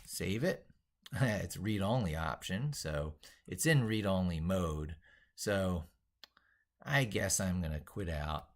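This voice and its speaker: In an unscripted live-stream tech tutorial, a man thinks aloud while working, rambling as he narrates his actions and pressing hard on his points. His low voice is expressive and slow.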